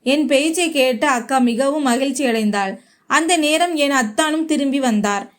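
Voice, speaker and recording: A woman reading a scripted first-person story in a steady, measured way. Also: high voice. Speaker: narrator.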